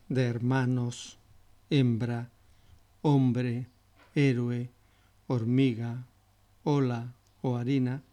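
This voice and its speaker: A man giving a scripted, educational narration, speaking in a measured, deliberate way. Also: medium pitch, mellow. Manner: slow, measured, deliberate delivery. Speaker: language teacher.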